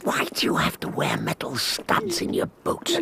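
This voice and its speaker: An actor playing a loyal, puzzled Victorian doctor sidekick in a radio drama, earnest and mildly grumbling, with a gravelly Received Pronunciation English voice. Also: male voice, on the high side, huge pitch swings, measured pace, background noise, heavily acted. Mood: wryly grumbling.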